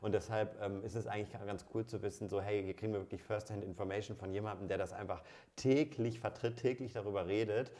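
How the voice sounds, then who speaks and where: A man's voice: on the low side, steady tone, fast talker, dark tone. A man in his thirties hosting a podcast, chatting casually with many fillers and restarts. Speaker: podcast host. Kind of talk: casual interview chat. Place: studio room with dark backdrop.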